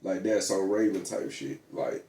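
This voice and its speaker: A man's voice: low-pitched, lively intonation, measured pace, mellow. A man vlogging in a casual, rambling monologue, full of slang, fillers and restarts. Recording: echoey room.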